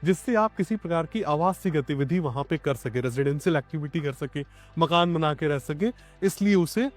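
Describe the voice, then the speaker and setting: Man, property tour host, outdoors, fairly high voice, light music underneath. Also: moderate pace. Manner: explanatory, addresses viewers as friends. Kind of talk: on-site property tour interview. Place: outdoors at a plot site.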